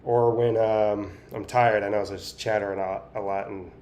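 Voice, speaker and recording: A man giving a casual, halting personal update, with effortful, impaired articulation as he talks biting down on a straw held in his teeth. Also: lowish voice, level tone, a little mellow, slight background noise. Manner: talking through clenched teeth, biting on a straw. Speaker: vlogger sharing speech progress.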